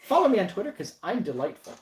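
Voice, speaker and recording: A woman's voice: mid-range voice, very animated, fast. A woman from French Canada co-hosting a casual livestream, joking and bantering playfully from a home basement. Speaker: livestream co-host. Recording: roomy echoey room.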